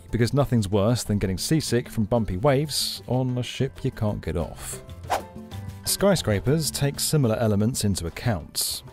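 A man giving scripted documentary narration in a clear, explanatory, lightly conversational way, recorded as a studio voice-over. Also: medium pitch, darkish tone.

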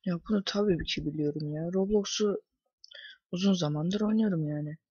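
Teen male gamer, ranting commentary, breathy, dry muffled home recording. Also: high voice, fairly quick, darkish tone, no room sound. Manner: frustrated, swears often, rants at the game. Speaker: gaming YouTuber. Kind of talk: casual gameplay commentary.

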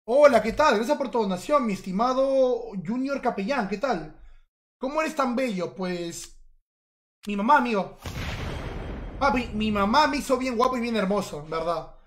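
A game streamer gives casual live commentary while he plays, playfully teasing and chatting with his viewers. His voice is very high, expressive, and a bit bright, and he speaks unhurriedly with long pauses.

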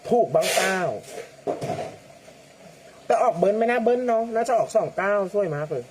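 High-pitched guy w/ chatting on a phone livestream, soft polite particles, faint hum behind. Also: lively intonation, moderate pace. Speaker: lottery-number livestream host. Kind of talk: casual livestream chat reading viewer comments.

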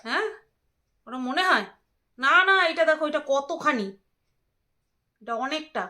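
A woman's voice: high voice, expressive, measured pace, sharp tone. A woman, chatting casually as she unboxes items and teases her husband. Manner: teasing, bickering with her husband. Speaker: vlogger. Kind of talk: casual home vlog, unboxing.

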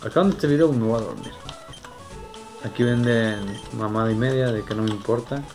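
A man's voice: medium pitch, animated, fairly quick. A young man with a Mexican accent giving slangy, casual gameplay commentary. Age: young adult. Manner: slangy, informal. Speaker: gaming YouTuber. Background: game music.

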